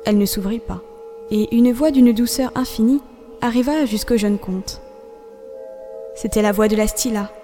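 A woman reads a classic novel aloud for an audiobook, her fairly high voice measured and expressive over a soft music bed.

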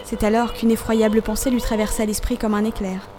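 A woman's voice, on the high side, carries a classic novel audiobook. The delivery is measured and expressive, layered over a music bed.

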